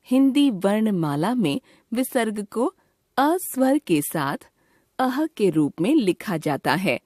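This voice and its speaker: A woman delivers a children's grammar lesson at a very unhurried pace, sounding out each letter on its own with a pause after it. Her pitch rises and falls a great deal, and the recording is dry, with no room sound. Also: no echo. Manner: reads out letters one by one with pauses. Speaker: teacher.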